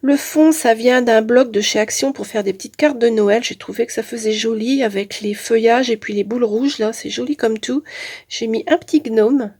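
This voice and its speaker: Female craft vlogger, higher-pitched, slightly husky, stuffed-up nasal voice from a head cold, casual showcase narration. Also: moderate pace, darkish tone. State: has a head cold with blocked nose. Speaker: craft channel host.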